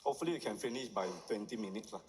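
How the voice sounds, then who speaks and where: A middle-aged doctor, giving a conference lecture and often checking in with the audience with "huh?" and "right?". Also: male voice, fairly low pitch, racing, darkish tone. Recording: long hall reverb.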